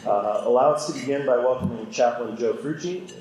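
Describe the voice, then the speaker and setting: A man's voice: mid-range voice, fairly quick, a little mellow, a little hiss or hum. A man speaking at a podium microphone as emcee of a civic event, steadily announcing names and partners in a formal way. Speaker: chamber of commerce president and event emcee. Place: large indoor event hall. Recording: echoey hall PA sound.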